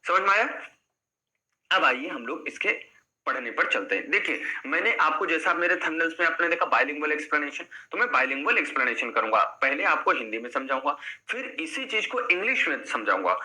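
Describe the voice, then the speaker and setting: A male teacher explains a lesson to students. His voice sits a little high and sounds very bright and sharp. He goes through each step patiently, repeats himself, and keeps asking the class questions. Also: rough recording. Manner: addresses students as 'beta' and 'bhaiya'. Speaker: English teacher.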